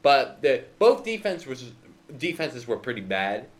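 A man's voice: medium pitch, sing-song, unhurried. A man co-hosting a casual sports podcast, blunt and opinionated. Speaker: podcast co-host.

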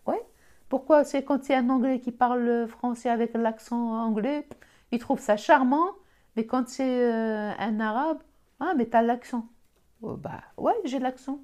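A woman's voice: fairly high pitch, a little slow, darkish tone. A middle-aged woman from Algeria with an Algerian accent, telling her own story in an interview, hesitant with many restarts but firm when she makes a point. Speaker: podcast guest, host's mother. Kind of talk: personal interview recollection.

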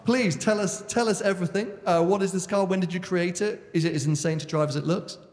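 British guy hosting a live q&a, slightly high voice, big echoey hall. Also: fairly quick, a little mellow. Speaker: live show host. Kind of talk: chatty audience Q and A on stage.

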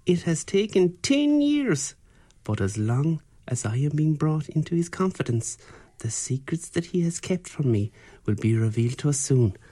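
A man doing an earnest young male scholar-spy, slow, hushed. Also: on the high side, big pitch swings, voice pushed up, full character voice. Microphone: recorded online, at home.

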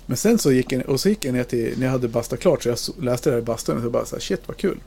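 A man's voice: medium pitch, animated, creaky, warm tone, a little hiss or hum. A man in his fifties hosting a podcast, chatting casually, joking and swearing easily. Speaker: podcast host.

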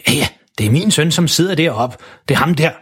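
A man's voice: a little high, animated, husky, exaggerated voice. A man doing a cocky, boastful dad. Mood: bragging. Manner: cocky and loud. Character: boastful, embarrassing middle-aged father.

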